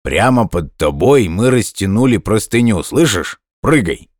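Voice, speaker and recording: A man doing a gruff, deep bear cub. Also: a little slow, no room sound, studio quality. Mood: gruff urging. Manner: gruff, grumbling. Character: gruff, caring young bear cub, male. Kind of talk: audiobook character voice.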